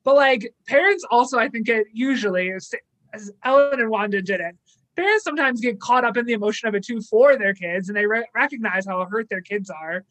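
Woman podcast cohost, kinda high voice, super casual, says like a lot. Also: a little fast, a bit bright, low-quality recording. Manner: chatty, lots of "like", acts out quoted lines. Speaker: podcast co-host. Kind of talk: casual chat recapping an episode.

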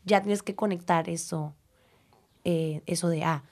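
A woman's voice: lowish voice, fairly even intonation, a little slow, darkish tone. Young woman, Mexican accent, dance teacher, reflective interview chat, acts out quotes. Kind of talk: casual interview talk.

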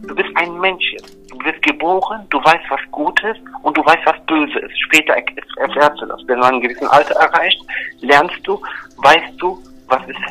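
Emphatic bright-voiced man explaining faith. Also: fairly high pitch, moderate pace, low-quality recording. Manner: emphatic, repetitive, checks in with "ja?" and "verstehst du?". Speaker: religious explainer. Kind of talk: earnest one-on-one religious explanation.

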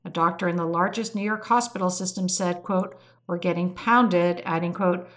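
A woman's voice: fairly low pitch, fairly even intonation, normal speed, fairly bright tone. A woman narrating a scripted weekly news summary, marking each quotation aloud. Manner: reads quotes with air quotes.

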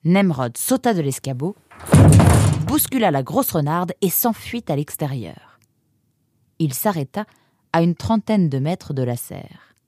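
A woman narrating an audiobook in an expressive storytelling manner. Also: deep voice, a little slow, pauses often.

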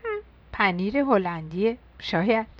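A woman's voice: mid-range voice, expressive, no echo, muffled recording, close to an everyday voice. A woman voicing a small frightened pencil in a children's story, pleading and anxious. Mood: meek.

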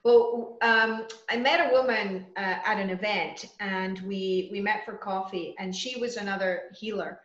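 A woman talking as an interview guest, telling spiritual experiences in an earnest, unhurried, conversational way. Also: medium pitch, steady tone. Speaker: interview guest, trance channeler and healer. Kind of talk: conversational first-person spiritual storytelling. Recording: muffled, roomy, echoing audio.

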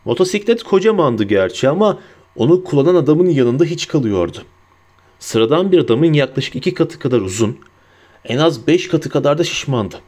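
A man narrating an audiobook in an expressive storytelling manner, slowing down for emphasis. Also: fairly high pitch.

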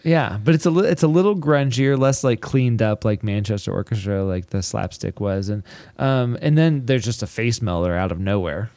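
A man co-hosting a podcast, chatting casually about an album with relaxed jokes and halting fillers. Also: on the low side, no room sound. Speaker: podcast co-host. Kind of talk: casual music review chat.

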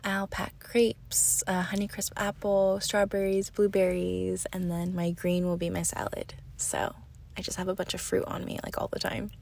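A young woman telling a casual story on her podcast, chatty and full of "like", sometimes dropping to a soft whisper. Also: fairly low pitch, completely flat delivery, normal speed, creaky. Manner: chatty, heavy use of "like", drops to soft whispers. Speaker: podcast host.

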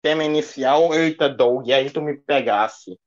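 A man's voice: mid-range voice, measured pace, highs cut off. A man as a livestream guest, defending himself in casual debate and repeating phrases over and over.

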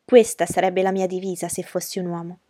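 A woman's voice: fairly low pitch, level tone, a little fast, mellow, no echo, studio quality, lightly acted. A woman reading aloud and voicing a proud, mocking young noblewoman who talks in a commanding, scornful way. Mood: haughty. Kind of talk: audiobook character reading.

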